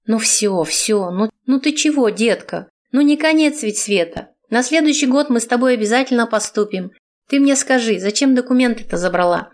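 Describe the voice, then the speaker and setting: A woman reading an audiobook, voicing a bossy middle-aged godmother who scolds coarsely and loudly. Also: a little high, expressive, moderate pace, close to an everyday voice. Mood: soothing.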